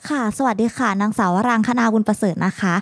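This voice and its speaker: A woman's voice: on the high side, quick pace, slightly rough. A young woman university student telling her story into a handheld mic on a studio stage. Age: young adult. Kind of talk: answering on a talk show.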